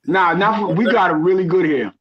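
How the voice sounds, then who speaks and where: A man's voice: sits high, brisk, slightly rough. A man from Ghana, a guest on a podcast, talking crypto in a passionate, rambling way and often correcting himself. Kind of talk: casual crypto chat. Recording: dull lo-fi stream audio.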